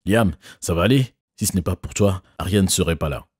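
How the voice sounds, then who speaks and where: A man playing a father in an animated story, giving orders loudly. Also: deep voice, fairly quick, slightly rough, no echo, clean studio sound. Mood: reassuring. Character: commanding father, calm in a crisis.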